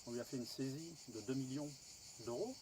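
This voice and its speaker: A man's voice: medium pitch, fairly quick, warm tone, slight background noise, low-quality recording. A French man asking questions in an interview, hesitant, with many fillers and false starts.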